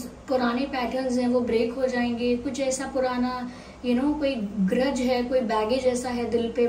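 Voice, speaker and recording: A woman giving a tarot reading to viewers, mixing Hindi and at an unhurried pace, her throat slightly sore. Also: high voice, darkish tone. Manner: unhurried, mixing Hindi and English, thinking aloud. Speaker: tarot reader. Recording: roomy sound, mic at a distance, faint hiss.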